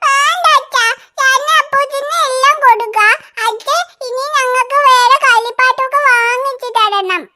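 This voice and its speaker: A woman's voice: very high voice, measured pace, pushed and bright, heavily acted. A woman voicing a stubborn, possessive little schoolgirl in a cartoon, whining and crying as she pleads. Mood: soothing. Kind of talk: cartoon voice acting.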